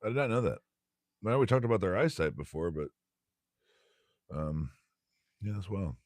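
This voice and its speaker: A man's voice: deep voice, very animated, normal speed, darkish tone, no room sound, clean studio sound. A man hosting a solo stream, reading a bird textbook aloud with casual, rambling commentary, laughing often and stumbling over words.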